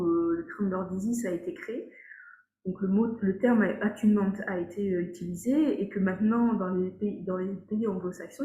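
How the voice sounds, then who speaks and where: A woman's voice: mid-range voice, dark tone, slight background noise. A French woman explaining a spiritual practice in a casual monologue, hesitant, with many fillers and restarts. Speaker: energy healing teacher. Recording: echoey room.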